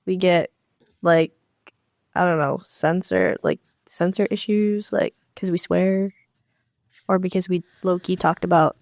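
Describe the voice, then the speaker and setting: A young woman co-hosting a casual chat podcast, retelling conversations with quick asides. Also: lowish voice, fairly even intonation, a little mellow, no echo, studio quality. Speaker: podcast co-host.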